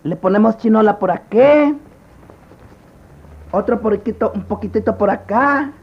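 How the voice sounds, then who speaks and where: Man as a high, creaky, cocky bungling barber. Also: measured pace, dull audio, full character voice. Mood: cocky, busy. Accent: Central American. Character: cocky, bungling rustic barber sidekick, quick to bluster. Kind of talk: slapstick comedy sketch acting.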